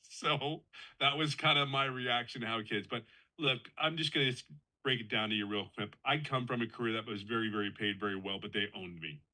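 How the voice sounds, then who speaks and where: A man's voice: medium pitch, a little fast, pushed and bright, poor audio. A man in his fifties sharing his personal story as a guest on a live call, earnest and conversational, often restarting and repeating himself for emphasis. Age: 50s.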